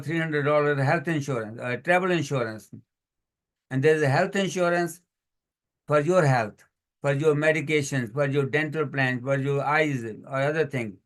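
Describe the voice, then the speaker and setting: Over a video call, a financial educator with a fairly high-pitched male voice leads a community workshop. He leans heavily on lists and examples, and his English carries non-native phrasing.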